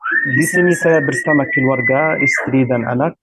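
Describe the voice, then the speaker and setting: A man from Gaza with an Arabic accent, speaking as a guest at a religious talk, measured and courteous. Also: medium pitch, huge pitch swings, pushed and bright, slightly rough. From Gaza, Palestine. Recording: dull radio broadcast sound.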